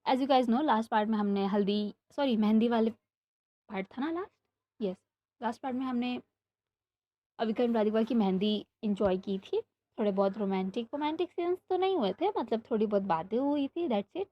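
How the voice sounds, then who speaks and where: A young woman talks in a lively, rambling way, griping and laughing as she vlogs and narrates a story from her bedroom. Her voice sits fairly high. The home recording sounds dull and lo-fi. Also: normal speed. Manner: rambling, animated, complaining. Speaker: storytelling vlogger. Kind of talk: casual chatty vlog and story narration. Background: neighbour's music playing.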